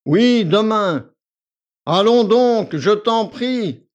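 A man's voice: sits high, lively intonation, slow, lo-fi sound, voice pushed up. A man voicing an arrogant, lazy young male valet who talks in a nasal, drawling, condescending way. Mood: bored, condescending.

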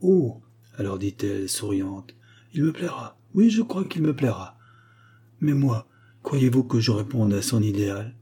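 A man's voice: lowish voice, unhurried, warm tone, husky. A man voicing a shy, hesitant young widowed mother in a romance story read aloud. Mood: bashful. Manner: hesitant, modest.

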